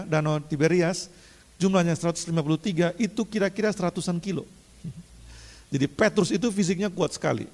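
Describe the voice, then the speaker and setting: Gravelly preacher in a reverberant hall. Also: male voice, on the high side. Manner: casual preaching, mixes in English phrases, rises to loud emphatic runs. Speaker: pastor. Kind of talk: sermon.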